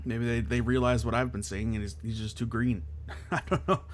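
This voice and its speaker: A man hosting a casual wrestling podcast, ranting in an animated way and laughing often. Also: mid-range voice, normal speed, slight background noise. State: hiccuping. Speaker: podcast host.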